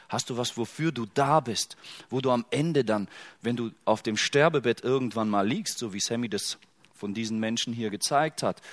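A middle-aged male pastor giving a sermon in an easygoing, conversational manner. He jokes now and then and keeps putting direct questions to the congregation. His voice sits at an ordinary middle pitch. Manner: conversational, asks the listeners many questions; casual and joking.

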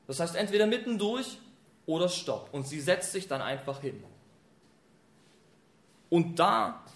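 Animated, high-voiced preacher man. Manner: animated, colloquial storytelling. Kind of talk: sermon. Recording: echoey room.

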